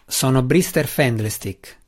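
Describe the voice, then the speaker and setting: Frantic wizard, shrill high voice, slow drawn-out wails, audiobook. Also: male voice, very animated, full character voice. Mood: pompous.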